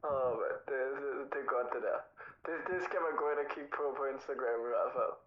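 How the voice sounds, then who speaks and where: A man's voice: medium pitch, fairly even intonation. A man in casual podcast chat, easygoing, often restarting his sentences. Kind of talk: casual chat about hip-hop. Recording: dull lo-fi recording.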